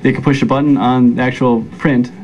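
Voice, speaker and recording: A man's voice: medium pitch, fairly even intonation, fairly quick, a little mellow, low-quality recording. A man in his thirties with an American accent, talking casually as an interviewee. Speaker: interviewee, sports fan.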